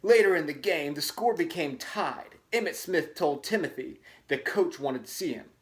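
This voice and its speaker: His voice sits on the high side and sounds animated and fairly bright as the host reads a children's book at normal speed. The reading is dramatic, broken up by wry, joking asides.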